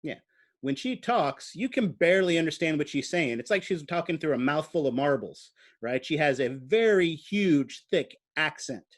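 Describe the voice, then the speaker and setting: A man's voice: on the high side, lively intonation, moderate pace. A man giving a biology lecture in a classroom. He explains at an easy, conversational pace, uses fillers like "uh," and puts questions to the students.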